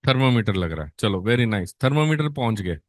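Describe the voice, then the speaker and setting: A middle-aged nursing exam instructor with a fairly low voice speaks rather quickly, his pitch swinging widely. Mixing Hindi and English, he quizzes students coaxingly, answers himself, and calls them beta. The recording is dry and studio quality.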